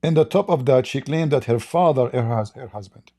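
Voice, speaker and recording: A man's voice: mid-range voice, expressive, fairly quick, mellow. A man who is a non-native English speaker, hosting casual live commentary in a mocking, repetitive way. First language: not English. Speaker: online show host.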